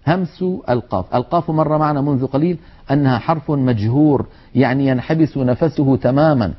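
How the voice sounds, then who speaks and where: A man's voice: mid-range voice, a little fast. Man teaching tajweed on lo-fi audio. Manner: demonstrates letter sounds, earnest and admonishing. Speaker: Quran recitation teacher. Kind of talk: tajweed lesson. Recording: dull lo-fi sound.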